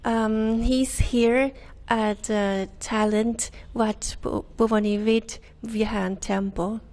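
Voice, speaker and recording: A woman hosting an interview, asking questions hesitantly with many pauses and fillers. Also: fairly high pitch, flat delivery, a little mellow. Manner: hesitant, many ums and uhs. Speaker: interviewer host.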